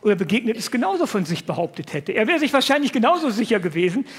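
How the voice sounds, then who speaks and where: A man's voice: high-pitched, very animated, quick pace, husky. A man preaching a conversational sermon, talking to the listeners in colloquial words and asking them many rhetorical questions.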